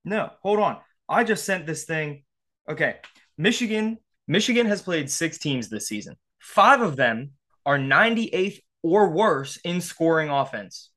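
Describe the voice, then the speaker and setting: A man co-hosting a casual sports podcast, getting fired up and swearing, his voice jumping high when riled. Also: animated, measured pace, sharp tone. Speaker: podcast co-host.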